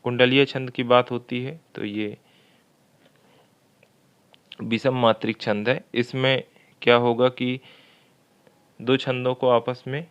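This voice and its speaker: Man, grammar teacher, slow and deliberate, smooth clear voice, dull lo-fi sound. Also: mid-range voice, level tone. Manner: slow and methodical, repeats questions aloud. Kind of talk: exam-prep lesson.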